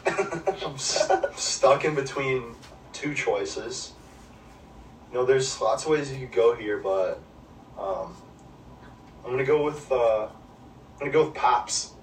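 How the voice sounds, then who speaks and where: A man's voice: medium pitch, slow, pauses often. A man co-hosting a casual podcast chat, laid-back and hesitant, with lots of ums and uhs. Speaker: podcast co-host. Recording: roomy, distant mic, faint background hum.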